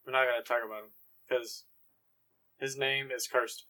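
A man's voice: medium pitch, flat delivery, normal speed, sharp tone. A young man co-hosting a casual podcast chat, playful, with exaggerated outbursts. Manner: playful, exaggerated outbursts, calls friend bro. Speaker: podcast co-host.

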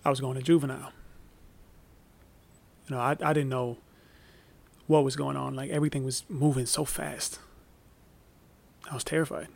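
For a documentary audio drama, a male actor voices a young man wrongly imprisoned, telling his story in a halting, reflective monologue. His mid-range voice is flat and creaky, and he sounds shaken and thoughtful.

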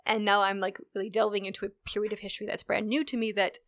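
A woman talking casually as a podcast guest, animated, with frequent laughs and quick asides. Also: mid-range voice, no echo, studio quality.

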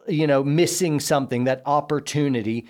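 A man in his forties hosts a relaxed podcast conversation with a slightly high voice. He speaks bluntly and emphatically, in a folksy, plain-spoken manner. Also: normal speed. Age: 40s. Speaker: podcast host. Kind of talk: casual podcast chat.

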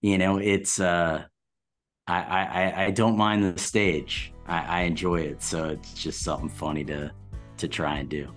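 Male interviewee, low voice, easygoing conversational delivery with self-deprecating touch. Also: little pitch movement, unhurried, a bit bright, faint music behind. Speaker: podcast guest. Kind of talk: casual interview chat.

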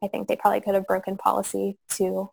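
A young woman guest on a podcast interview, speaking softly and reflectively with frequent pauses and fillers. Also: medium pitch, completely flat delivery, vocal fry, a little hiss or hum, poor audio. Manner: soft, reflective, many fillers. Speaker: guest sharing her story. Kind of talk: conversational interview.

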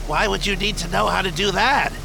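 An actor voicing a dry, doubtful young hero with a creaky voice in an animated adventure. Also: medium pitch, fairly quick, very noisy, lightly acted. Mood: doubtful, amazed. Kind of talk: animated adventure cartoon acting.

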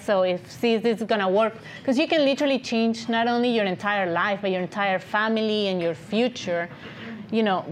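A guest speaker who founded and runs an agency as CEO gives a conversational, motivational business talk at an event, her non-native English accent clear. Her slightly high voice is animated and encouraging as she chats to the room, often checking in with "right?", over slight background noise.

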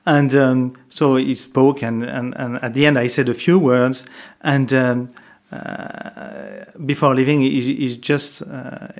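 A French monk with a French accent tells stories in a reflective interview, speaking slowly in a mid-range voice with little pitch movement. He is hesitant, with many fillers and restarts.

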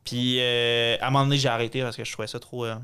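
Rambling Quebec man, mid-pitched. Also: level tone, quick pace, bright, forceful tone, clean tone. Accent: Quebec French. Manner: rambling, hesitant with many fillers. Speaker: podcast guest. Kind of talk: casual chat.

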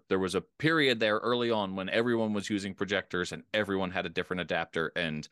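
A man's voice: low-pitched, fairly bright tone, smooth, no room sound, studio quality. A middle-aged American man from Philadelphia co-hosting a podcast, chatting casually in a wry, talkative way. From Philadelphia, United States. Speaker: podcast co-host.

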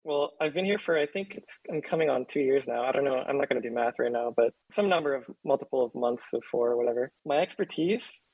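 A man guesting on a podcast as a software developer, rambling casually with lots of fillers. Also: medium pitch, expressive, fast, hardly any pauses, breathy edge, dry recording, highs cut off.

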